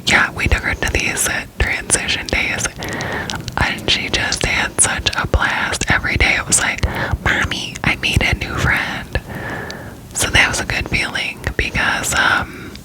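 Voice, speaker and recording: A young American woman from Florida whispers an informal, unscripted ASMR ramble, breathy and up close to the microphone. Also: a little slow, poor audio. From Florida, United States. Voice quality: whispering throughout, breathy and unvoiced. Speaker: ASMR creator.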